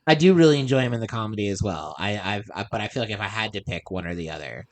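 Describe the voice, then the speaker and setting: A man's voice: lowish voice, lively intonation, fast, no room sound. A man hosting a podcast in casual chat, meandering as he thinks aloud. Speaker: podcast host.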